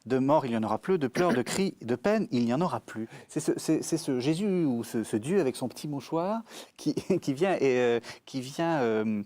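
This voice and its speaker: A male radio host leads a spiritual discussion. His voice sits at a middle pitch, and he pauses often while working his questions out aloud. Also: lively intonation, a little mellow. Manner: hesitant, fills pauses with "euh".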